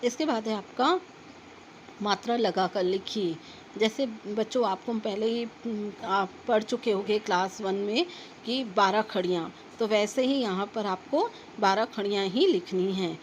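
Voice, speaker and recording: A woman teaching a young children's class, slowly spelling out words sound by sound as she reads from a textbook. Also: medium pitch, slight background noise, low-quality recording. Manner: slow, careful spelling out of sounds for young pupils. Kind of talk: reading a children's textbook lesson aloud.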